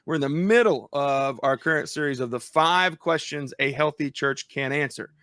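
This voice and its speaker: A man's voice: fairly high pitch, normal speed, a bit bright, no room sound, studio quality. A man hosting a church podcast, chatting casually and with enthusiasm. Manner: laid-back, chatty, enthusiastic about food. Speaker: podcast host.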